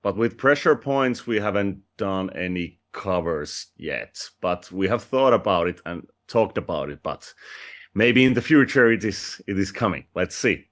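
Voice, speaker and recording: A Finnish man, a musician, is a guest in a casual, friendly interview, speaking English with a Finnish accent, restarting sentences and laughing lightly. His voice is low and animated with a fairly bright tone, and he talks a little slowly.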